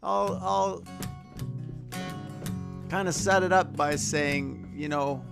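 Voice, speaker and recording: Performing over an online video stream, a Minnesota man who is a singer-songwriter and guest performer casually introduces a song and teaches a sing-along. His voice is on the high side, slow and gravelly. An acoustic guitar is strummed and tuned in the background.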